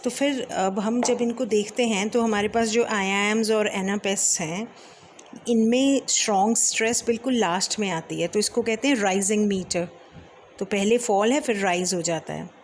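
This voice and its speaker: A woman's voice: medium pitch, slight background noise. A woman teacher giving a lecture, explaining step by step with many English terms and a few fillers. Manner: reads verse lines slowly. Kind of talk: Hindi lecture on English poetry.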